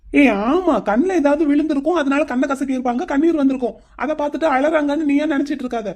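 A woman voicing a brisk, teasing young man. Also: high voice, darkish tone, natural voice. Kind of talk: cartoon voice acting.

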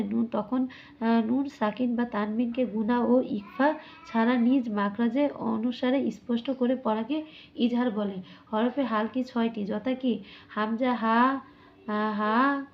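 Woman teacher, slightly high voice, asks and answers her own questions, dull lo-fi recording. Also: creaky. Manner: asks questions and answers them herself, drawing out sounds. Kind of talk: classroom lesson explaining a textbook. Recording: muffled lo-fi recording.

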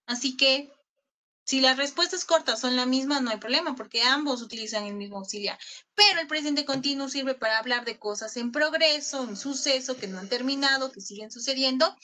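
A woman's voice: high-pitched, sharp tone. A woman English teacher giving a recorded online class in Spanish, patient, often asking her pupils questions. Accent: Peruvian Spanish.

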